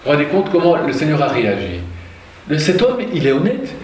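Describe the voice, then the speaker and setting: A man's voice: on the high side, wildly swooping pitch, fairly quick, a little mellow, a little hiss or hum. Guy preaching, reads bible verses then asks the crowd stuff, sounds far off in an echoey room. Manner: reads scripture aloud and comments with rhetorical questions. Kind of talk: sermon. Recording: roomy, from far off, faint ambience.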